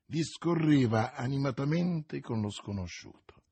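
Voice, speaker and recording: Husky male audiobook narrator. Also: medium pitch, lively intonation, unhurried, dark tone, no echo, faint music behind.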